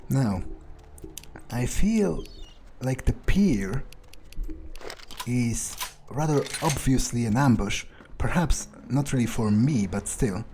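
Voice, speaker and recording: Slow and expressive, a mid-range male voice with a dark tone plays through a game in character as a scornful, self-assured vampire. He thinks aloud with hesitant musing and mumbled side remarks. Background noise is noticeable in the recording.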